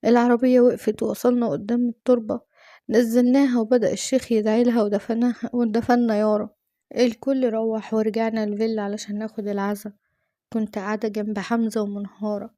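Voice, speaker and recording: Egyptian woman reading a dramatic true story, rapid and emotional, mellow tone, dry close mic. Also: fairly high pitch, little pitch movement, dry recording. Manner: emotional, fast-flowing. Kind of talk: first-person dramatic story narration.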